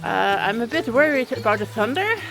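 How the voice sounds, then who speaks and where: A woman's voice: a little high, very animated, a little fast, gravelly, music in the background, poor audio. A woman hiking vlogger talking casually outdoors on a mountain trail in the rain, chatty with frequent fillers. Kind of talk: casual vlog narration while hiking.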